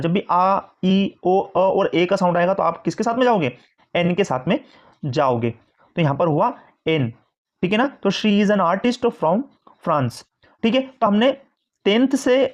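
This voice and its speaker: Brief: patient tutor voice, mid pitch, plain delivery, drawn-out example sentences, muffled lo-fi audio. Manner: slow, deliberate reading of example sentences; repetitive, checks in often with the listener. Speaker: English grammar teacher. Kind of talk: step-by-step grammar lesson. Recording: dull lo-fi recording.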